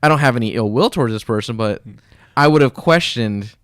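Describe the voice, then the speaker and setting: A man's voice: medium pitch, fairly quick, dry recording, clean studio sound. Blunt, joking man telling stories on a podcast. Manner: animated storyteller, blunt and joking. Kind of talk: casual podcast chat.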